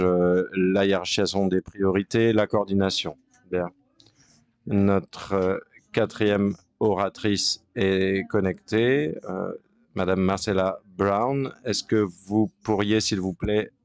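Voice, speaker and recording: A man with a low, somewhat mellow voice works as a conference interpreter. He gives a halting simultaneous interpretation of a panel discussion, pausing and restarting often.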